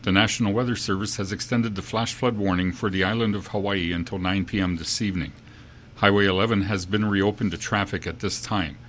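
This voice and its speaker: A man reading a scripted emergency bulletin in the grave, measured, official manner of a civil defense broadcast. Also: lowish voice, steady tone, fairly bright tone, slight background noise.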